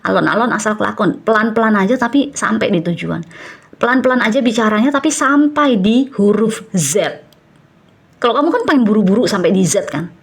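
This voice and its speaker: A woman giving a casual tarot reading to camera, chatty and animated, laughing often and acting out what people might say. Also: medium pitch, brisk, gravelly, husky. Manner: animated, with sound effects and acted-out quotes. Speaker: tarot reader.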